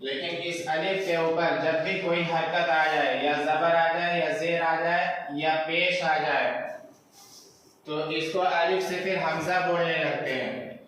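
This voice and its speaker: Slow, drilling male teacher in an echoey room. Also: fairly high pitch, steady tone, a bit bright, recorded from a distance, slight background noise. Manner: slow, patient, repeats syllables drill-style. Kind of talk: slow spelled-out lesson in reading Arabic letters. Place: classroom.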